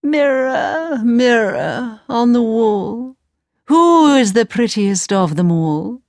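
A vain wicked queen from a storybook, voiced high and wailing by a woman reading aloud. She calls out slowly and deliberately, in a close, dry sound with no room around her. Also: animated, a little mellow, dry recording. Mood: anguished.

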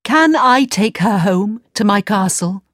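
A woman's voice: medium pitch, expressive, a little slow, dry recording, studio quality, voice pushed up, lightly acted. A woman reading a storybook voices an earnest, smitten young prince, speaking with a lightly raised voice. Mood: adoring.

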